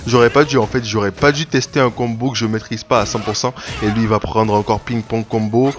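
A man talks through his online fighting game matches in loose, rambling commentary. He restarts sentences often and bursts out when something surprises him. Loud game music plays under his voice. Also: fairly low pitch, a little fast. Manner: rambling play-by-play with frequent restarts and sudden excited outbursts. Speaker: gaming video creator. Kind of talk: casual gameplay commentary.

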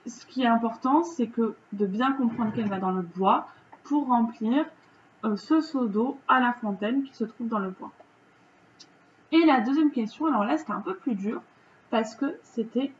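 A woman with a French accent, a teacher going through a reading lesson's answers for children in a slow, patient, step-by-step way. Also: on the high side, dull audio, a little hiss or hum.

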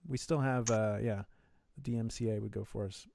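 A man's voice: on the low side, steady tone, fairly quick, vocal fry, warm tone, a little hiss or hum. A man co-hosting a tech live stream in casual chat from his home office, hesitant and full of fillers, his audio coming through the left channel only. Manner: hesitant, with many fillers and restarts. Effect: audio heard in the left channel only.

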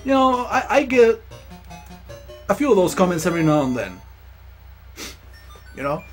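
Chilean man, higher voice, reflective stream talk. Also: sing-song, moderate pace, faint music behind. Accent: Chilean Spanish. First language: Spanish. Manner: reflective, rambling, frequent restarts. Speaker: gaming channel host. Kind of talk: casual live-stream commentary while playing.

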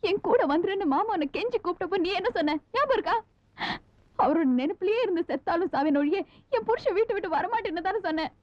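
A tearful young wife and daughter in an old film drama. Her voice is very high as she pleads earnestly with her mother. The sound is dull and dry, like an old film soundtrack. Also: expressive, fast talker, no echo. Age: young adult.

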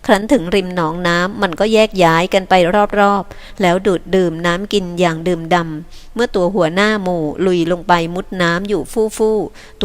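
A woman narrating an audiobook in a calm, soft, steady reading voice. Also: on the low side.

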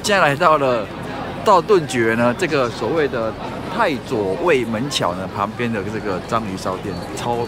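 A man's voice: mid-range voice, animated, moderate pace. A man with a Taiwanese Mandarin accent chatting through a casual travel vlog, narrating food and shops as he walks a city street. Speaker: vlogger. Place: busy city street outdoors. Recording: street crowd and loud music behind.

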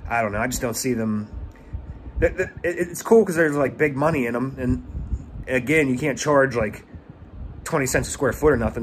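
A man in his thirties with a medium-pitched, slightly bright voice shares rambling tips about his pressure washing business, stumbling and repeating himself. The casual talking-head vlog is recorded on a phone at arm's length in a small room, with slight background noise.

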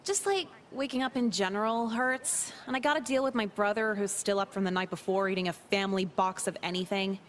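An actress voicing an apathetic, sarcastic teenage girl in a video game, deadpan and crude. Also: mid-range voice, fairly quick, few pauses, slight background noise, lightly acted.

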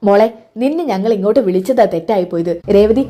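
A patient older father reasons gently and gravely, as a woman storyteller voices him. He speaks calmly but briskly. The voice stays only a touch lower than the teller's own. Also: close to an everyday voice. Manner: calm, reasoning.

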